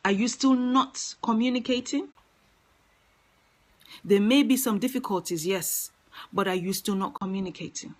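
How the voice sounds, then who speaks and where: A woman's voice: medium pitch, moderate pace, long pauses, poor audio. A woman giving an earnest motivational talk, speaking emphatically and repeating her key phrases.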